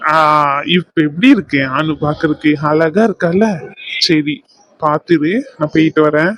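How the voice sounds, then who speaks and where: A woman's voice: low voice, moderate pace, highs cut off. A woman voicing a young man, an anxious but tender fiancé who soothes and teases his bride-to-be in a dubbed scene. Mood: tender, teasing. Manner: soothing, teasing, pleading. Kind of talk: fan dub of a serial scene.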